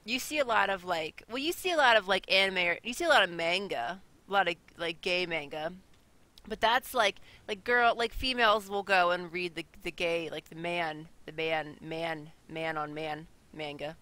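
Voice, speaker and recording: A woman co-hosting a casual podcast chat over a call, giggly and animated. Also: on the low side, moderate pace. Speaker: podcast co-host.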